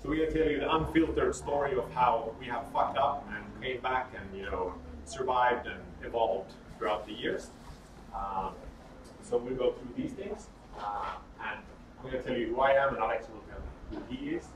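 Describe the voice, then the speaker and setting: A man's voice: medium pitch, normal speed. Man, 30s, casual joking workshop speaker, heard from afar in a roomy space. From Sweden. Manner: candid and joking, with frequent fillers. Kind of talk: informal workshop talk. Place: workshop room. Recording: roomy, distant mic, audible noise.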